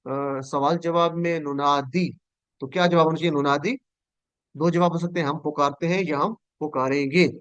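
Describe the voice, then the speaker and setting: A man's voice: on the high side, fairly even intonation, a bit bright, clear, resonant tone, lo-fi sound. Patient man drilling Arabic verb forms. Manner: patient, repeats words slowly for students to echo. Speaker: Quranic Arabic teacher.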